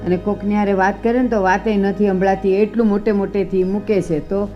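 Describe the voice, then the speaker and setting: An actress voices a stubborn older woman, stern and scolding as she insists her neighbour is at fault. Her voice sits mid-pitch, and the recording sounds a little dull and muffled, as in a low-budget short film. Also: fairly even intonation, a little fast, soft background music, close to an everyday voice.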